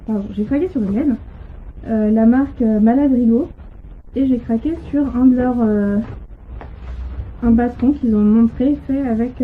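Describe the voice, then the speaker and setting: A woman with a fairly high voice talks through her crafting projects in a hesitant, casual show-and-tell, pausing on fillers and restarting her sentences. The recording is tinny and phone-like, made at home on a sofa, with faint hiss behind her. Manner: hesitant, full of "euh" and restarts. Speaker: knitting and crochet podcaster. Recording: tinny low-quality home audio.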